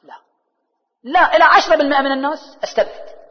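A man delivers a religious sermon in a very high-pitched voice at a quick pace, posing rhetorical questions and answering them himself. His volume swings between soft and loud, and the dull hall recording has long reverb.

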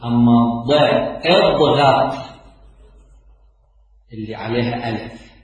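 Lilting Iraqi cleric in an echoey room. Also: male voice, mid-range voice, distant mic. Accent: Iraqi Arabic. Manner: lilting, half-chanted explanatory delivery with drawn-out words. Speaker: religious scholar teaching. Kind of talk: religious law lesson.

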